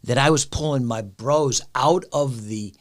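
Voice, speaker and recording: A man's voice: medium pitch, measured pace. A man in his fifties hosting a podcast, chatting casually and reacting enthusiastically with short interjections. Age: 50s. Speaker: podcast host.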